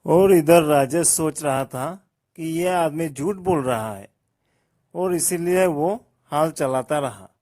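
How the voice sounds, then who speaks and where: Slow-narrating male storyteller. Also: a little high, dark tone.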